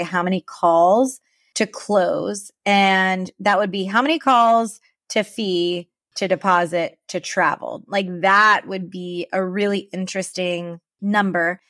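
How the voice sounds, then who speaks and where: A woman co-hosting a podcast for travel advisors, chatting casually in a rambling, animated way. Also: on the low side, no room sound, studio quality.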